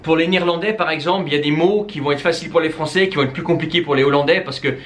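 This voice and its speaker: In a slightly high, somewhat bright voice, the Dutch coach rattles off language-learning advice very fast, addressing the viewer directly. He's a native Dutch speaker from the Netherlands, and his casual delivery is full of fillers and restarts.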